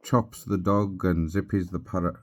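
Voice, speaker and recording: A man's voice: low-pitched, level tone, moderate pace. A man talking casually and playfully to his pets, coaxing them with simple, repeated questions. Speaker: pet owner vlogger.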